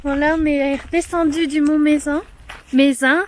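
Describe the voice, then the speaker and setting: A woman with a high voice talks casually to her vlog audience while outdoors. Her phrasing is informal, with words repeated for emphasis. Clear wind and outdoor noise run behind her. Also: level tone, moderate pace. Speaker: travel vlogger. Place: outdoors on a mountain hike. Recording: windy outdoor recording, loud background noise.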